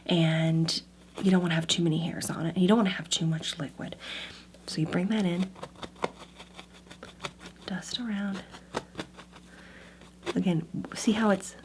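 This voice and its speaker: A woman doing an ASMR role-play as an antiques appraiser, giving gentle step-by-step instructions and softly repeating words. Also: lowish voice, fairly even intonation, measured pace, long pauses, noisy background.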